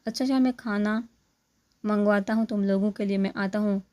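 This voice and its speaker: A woman's voice: medium pitch, steady tone, brisk, warm tone, natural voice. A woman voicing a young husband who brushes off his friends' teasing in a dry, defensive way.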